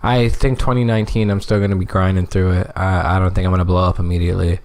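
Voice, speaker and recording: A man's voice: low-pitched, little pitch movement, fast, darkish tone. A man, a singer being interviewed, chatting casually in a slangy, rambling way with plenty of swearing, a little tipsy from beer. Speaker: guest singer. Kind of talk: casual chat.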